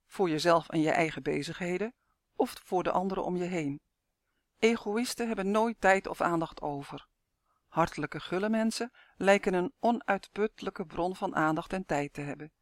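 A kind, frail woman of eighty speaks in a soft, soothing way, wise and steady, voiced by a man reading a storybook. The sound is close and dry, with a somewhat raised pitch for a man. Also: dry recording. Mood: firm. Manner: calm, soothing, gently wise.

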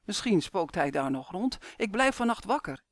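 A man's voice: sits high, big pitch swings, moderate pace, no room sound, studio quality. A man doing an eager young boy. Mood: curious, eager.

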